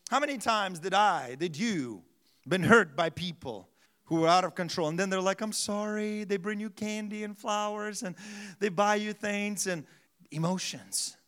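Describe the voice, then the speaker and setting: A pastor preaches a sermon in slightly broken English, his high-pitched, clear, resonant voice moving at normal speed. He rises to loud, emphatic shouts, drops quiet again, and restarts often.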